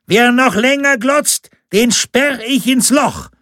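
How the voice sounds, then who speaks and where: A man's voice: extremely high pitch, expressive, slow, a bit bright, no room sound, clean studio sound, voice pushed up, exaggerated voice. A man voicing a scrawny, sniffling bailiff who is spiteful and pompous, with a bullying, sneering manner.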